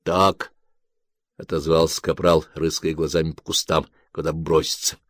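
A man reading a story aloud in a measured, even narrating style. His voice sits very low. The recording is close and dry, with no room sound. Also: dry recording. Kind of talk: audiobook narration.

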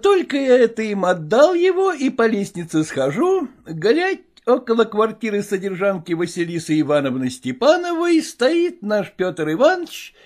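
A woman's voice: medium pitch, very animated, normal speed, a little mellow, voice pushed down. A woman reading a storybook, voicing a sly, servile male lackey who gossips and fawns. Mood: fawning. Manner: fawning, gossiping.

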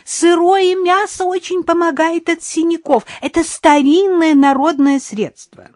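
A woman's voice: very high voice, steady tone, measured pace, darkish tone, dry recording, studio quality, pitched above the performer's own voice. A woman voicing a scheming middle-aged mother-in-law who coos in a sugary, cloying way, in an audiobook. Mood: stern. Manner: cloying, lisping-sweet cooing.

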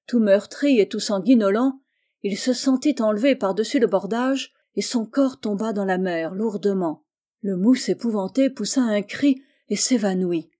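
Give me a woman reading literary prose, measured and expressive, with a warm, mellow tone. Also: mid-range voice. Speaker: reader.

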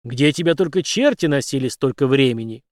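A man reading an audiobook, voicing a huge burly bar owner who booms and grumbles. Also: animated, fairly quick, no echo, clean studio sound, lightly acted. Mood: booming. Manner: booming, gruff.

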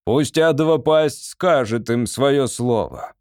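A man's voice: mid-range voice, slow, smooth, dry recording, clean studio sound, lightly acted. A man voicing an impatient, hot-tempered male lord who barks orders, in an audiobook. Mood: commanding. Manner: shouting, commanding, excitable.

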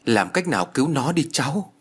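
A distraught older mother wails and pleads in an audio story, voiced by a man. Her voice is pitched high and husky. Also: big pitch swings, fairly quick, fairly bright tone. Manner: wailing, pleading.

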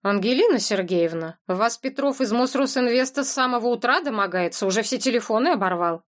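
A woman's voice: fairly high pitch, animated, a little fast, natural voice. A woman reading the lines of a surprised male office boss who speaks in a businesslike way. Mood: puzzled. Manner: puzzled, businesslike.

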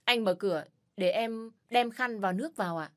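A woman's voice: medium pitch, normal speed, a bit bright, natural voice. A woman voicing a polite, deferential young hotel employee who pleads to be let in, in an audio story. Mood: pleading.

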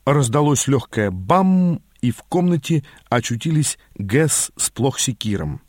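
A man reading a fantasy novel aloud as narrator, in an even storytelling delivery. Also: mid-range voice, moderate pace, husky, dry recording, clean studio sound. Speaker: audiobook narrator.

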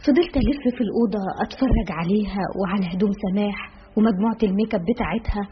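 A woman with an Egyptian accent narrating a first-person story in a lively, conversational way. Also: mid-range voice, very fast, a little hiss or hum. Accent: Egyptian Arabic. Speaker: audiobook reader. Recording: dull lo-fi with faint music.

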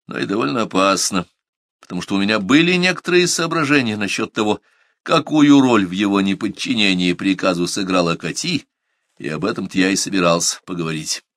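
Low-voiced male audiobook narrator. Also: a bit bright, dry recording, studio quality. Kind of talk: first-person novel narration.

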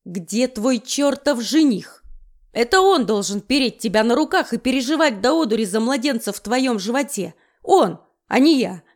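A woman's voice: a little high, expressive, normal speed. A woman voicing an irritable middle-aged man who talks in curt, barking orders. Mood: gruff. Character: gruff, irritable middle-aged man, future father-in-law.

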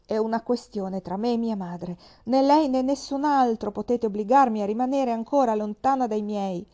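A woman's voice: a little high, normal speed, close to an everyday voice. Woman playing a raging defiant young queen. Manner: shouting in rage. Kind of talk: dramatic reading of a novel.

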